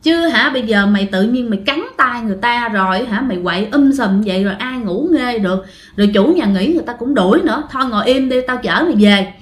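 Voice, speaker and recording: Brief: woman playing a rattled young man, high and exclaiming, echoey room. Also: animated, quick pace, fairly bright tone. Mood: coaxing. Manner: exclaiming, pleading. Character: frightened young man, scolding his cousin.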